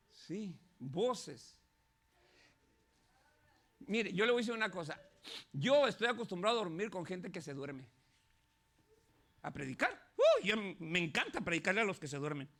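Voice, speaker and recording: A pastor delivering an animated sermon, often shouting and laughing. His voice is high and bright with a gravelly rasp. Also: measured pace, pauses often.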